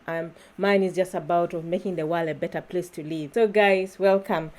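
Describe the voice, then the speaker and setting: A woman's voice: mid-range voice, mellow. Chatty woman vlogging. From Uganda. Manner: chatty, laughs often, keeps addressing viewers as guys. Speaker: YouTuber. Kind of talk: casual vlog monologue.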